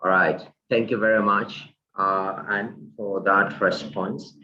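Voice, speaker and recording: A man's voice: on the low side, steady tone, takes it slowly, sharp tone. A man moderating an online panel, talking politely with many hesitant fillers over a video call. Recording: roomy, muffled video-call audio with faint noise.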